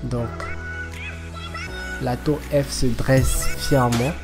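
Slow, hesitant man guiding a walk. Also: medium pitch, steady tone. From Côte d'Ivoire. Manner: slow, hesitant, many fillers. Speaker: walking tour guide. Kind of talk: casual walking-tour narration. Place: outdoors beside a busy city road. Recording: background music and traffic noise.

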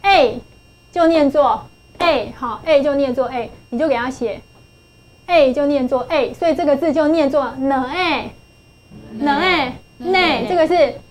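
A woman's voice: high-pitched, moderate pace, darkish tone. A middle-aged woman teaching English phonics to a class, patient and coaxing, repeating points and asking for answers. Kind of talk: classroom lesson.

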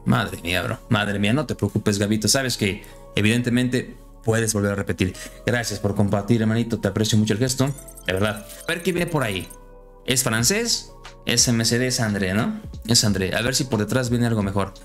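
A man chatting casually on a live stream, friendly and lively, his voice jumping higher when excited. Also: fairly quick, faint music behind.

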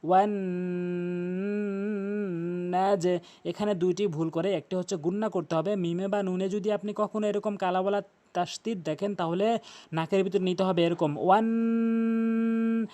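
High-voiced man teaching recitation. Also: fairly even intonation, warm tone. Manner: spells out letters slowly and repeats corrections. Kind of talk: tutorial on Quran pronunciation.

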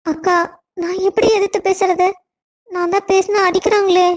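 Woman voicing a high, tearful timid young woman. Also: level tone, moderate pace. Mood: pleading. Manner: soft, pleading.

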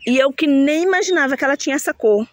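Chatty woman with a higher voice. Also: animated, fast talker. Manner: chatty, self-mocking about pronouncing names. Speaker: plant vlogger showing her flowers. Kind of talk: casual chat to viewers.

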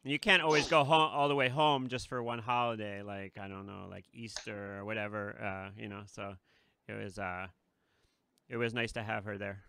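A man's voice: lowish voice, level tone, moderate pace, creaky, pushed and bright. A man hosting a casual interview, chatty and often laughing, on a desk mic with headphones in a small studio. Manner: chatty, laughs between remarks, many fillers. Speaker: host. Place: small studio with red curtain.

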